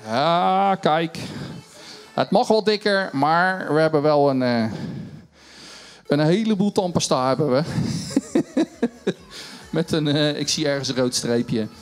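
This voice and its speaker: A man's voice: on the high side, takes it slowly, pauses often, clean tone, faint music behind. A middle-aged man presenting a children's church show on a stage, chatty and encouraging as he runs a science demo, speaking into a handheld mic. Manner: chatty and upbeat, encouraging, self-mocking.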